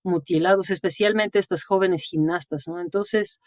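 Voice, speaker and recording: Speaking in a lowish, darkish voice at a moderate pace with fairly even intonation, this woman in her forties from Bulgaria tells lively stories as an interview guest. A sinologist and translator, she tags nearly every phrase with a questioning "no" and laughs while talking; the studio sound is clean, with no echo.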